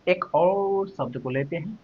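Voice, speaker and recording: A man with a high, slightly rough voice speaks at a measured pace while giving a Hindi grammar lesson online. He questions his viewers, answers the questions himself, and pronounces letters individually. The audio is dull and lo-fi.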